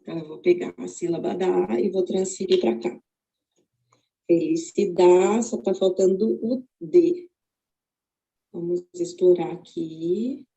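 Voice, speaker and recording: A Brazilian woman teaching, walking slowly and methodically through a braille word activity and thinking aloud as she searches. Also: on the low side, creaky, dark tone, poor audio. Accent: Brazilian Portuguese. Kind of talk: step-by-step spoken demonstration.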